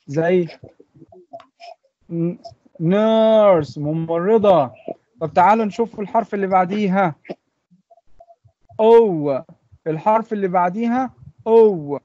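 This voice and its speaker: The voice is a man's, high-pitched yet dark in tone, carrying an Egyptian Arabic accent. He's teaching kids English letters in a virtual classroom, patiently saying each sound for them to repeat, and the audio from his computer mic sounds dull.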